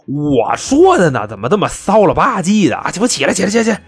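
A swaggering bank-robber boss, played by a male storyteller, talking in a blunt, gruff way. The voice is husky and swings lively up and down, with soft music behind. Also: mid-range voice, a little fast.

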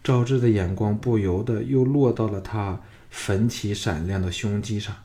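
A man's voice: on the low side, moderate pace, warm tone. A man narrating a novel as an audiobook reader, telling the story steadily.

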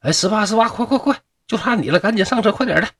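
Bossy ghost cart escort, male, Northeastern Mandarin accent, shrill and hurried, as a husky storyteller puts him on. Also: lively intonation, fairly bright tone, no echo, clean studio sound, full character voice. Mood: urgent. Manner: urgent, high-pitched calling.

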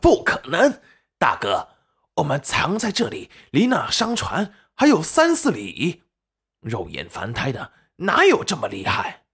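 Guy doing a husky fawning pirate grunt, slow talker, pitch all over the place, audiobook. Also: huge pitch swings, a bit bright, full character voice. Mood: eager. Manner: eager, fawning and crude. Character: fawning, greedy pirate underling, male. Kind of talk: audiobook character voice.

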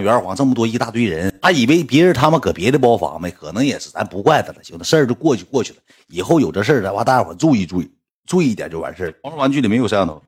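A man telling stories on a livestream in a lively, rambling, exasperated way. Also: fairly low pitch, husky. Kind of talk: casual storytelling on a livestream.

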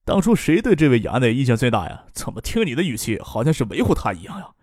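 A man reading a novel aloud, voicing male characters in a quick bantering way. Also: mid-range voice, very animated, a little mellow, dry recording, clean studio sound. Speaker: narrator. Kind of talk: audiobook narration with character voices.

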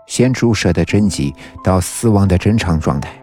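A man reading a novel aloud with steady, measured storytelling. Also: low voice, faint music behind. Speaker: audiobook narrator. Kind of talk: scripted novel narration.

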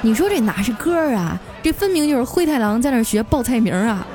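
A woman podcast host telling comic stories in a lively, playful way. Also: on the high side. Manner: lively, playful with frequent drawn-out particles. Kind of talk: comic storytelling.

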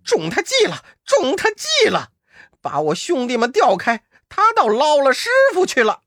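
A storyteller voicing a fierce, hot-tempered monkey king hero who shouts in a shrill voice. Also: wildly swooping pitch, normal speed, no room sound, studio quality, exaggerated voice. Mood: furious shouting. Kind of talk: storybook character voice.

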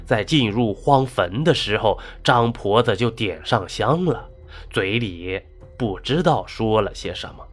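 A male storyteller telling an eerie village tale, his pitch leaping up and down with strong dramatic swings. Soft music runs quietly behind him. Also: lively intonation, unhurried. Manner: dramatic, rising and falling delivery. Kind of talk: scripted narration of a ghost story.

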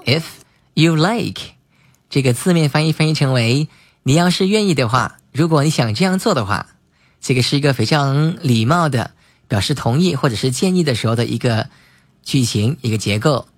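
Calm male teacher who drills English vocabulary by repeating it, in a dry booth. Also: medium pitch, no room sound. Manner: spells words letter by letter and repeats phrases slowly. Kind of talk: slow vocabulary lesson.

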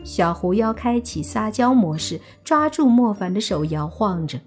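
A woman narrating a serialized suspense novel as an audiobook, steady storytelling. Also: mid-range voice, unhurried, soft background music.

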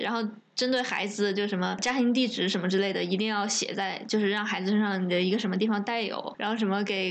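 A woman co-hosting a podcast, talking in animated casual chat with frequent laughs. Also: mid-range voice. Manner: animated, laughing, quick asides. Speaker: podcast co-host.

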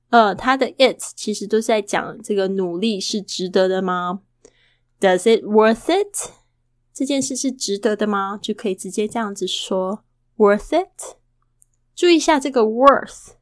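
A woman hosting a casual podcast lesson, chatty and full of rhetorical questions, who slowly models English words and repeats them. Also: fairly high pitch, no room sound, studio quality. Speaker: English teacher and podcast host.

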